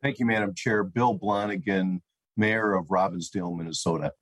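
A man's voice: low voice, steady tone, normal speed, a bit bright, dry recording. An American man giving formal public testimony as a mayor over a remote meeting call.

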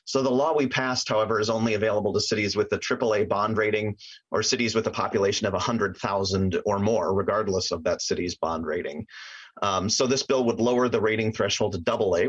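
A man's voice: lowish voice, slightly rough, no room sound. An American man speaking as a legislator, giving a formal explanation on a remote meeting call. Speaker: legislator presenting a bill. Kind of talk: prepared formal testimony with informal asides. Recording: muffled lo-fi remote meeting audio.

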